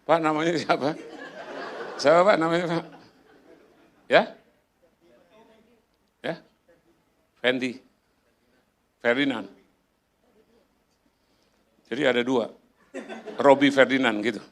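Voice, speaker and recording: A man's voice: medium pitch, slow pace, long pauses, a bit bright. A middle-aged man preaching in a church, telling a personal story in a chatty way and acting out the voices of the people in it. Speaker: pastor. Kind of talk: sermon storytelling. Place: church hall.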